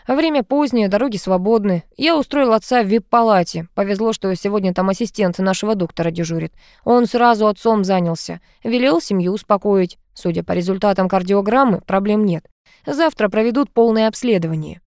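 Stern calm son, read by a woman, sarcastic and cold, dry voice, fairly high. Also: fairly quick, clean tone, dry recording. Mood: explaining. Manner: cool, cutting, sarcastic. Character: calm stern grown son, accusing his wife.

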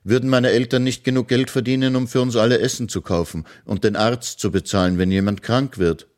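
A man voicing a hardworking young boy in a children's story, with a quick, matter-of-fact delivery. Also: medium pitch, fairly even intonation, a little mellow, voice pushed up, natural voice. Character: hardworking young boy who picks fruit.

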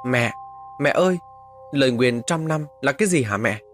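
A man's voice: mid-range voice, animated, normal speed, soft background music, natural voice. A man voicing a frightened young village boy who pleads and cries out in panic, in a spoken horror story. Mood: pleading.

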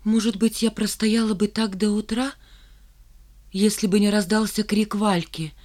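A woman reading an audiobook aloud in first person, with expressive storytelling. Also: mid-range voice, unhurried. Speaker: audiobook reader.

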